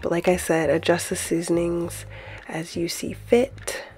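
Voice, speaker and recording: A woman's voice: lowish voice, flat delivery, measured pace, a little mellow, breathy edge, faint music behind. A woman hosting her own cooking channel, talking through a recipe in a friendly, easygoing voice-over.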